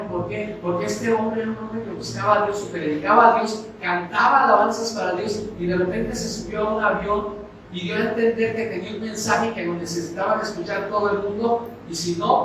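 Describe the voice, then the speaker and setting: High-voiced Mexican pastor preaching in an echoey hall. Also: male voice, steady tone, a little fast, crowd noise. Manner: preaches directly to the congregation, calls listeners brother, asks rhetorical questions. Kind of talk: sermon. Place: church hall. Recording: echoey church hall heard from a distance with background noise.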